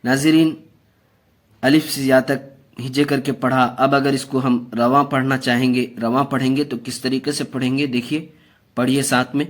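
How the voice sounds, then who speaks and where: A man teaching Quran reading, drawing out each syllable slowly and then explaining the rules quickly. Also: medium pitch, flat delivery. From South Asia. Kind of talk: spelling-out recitation lesson.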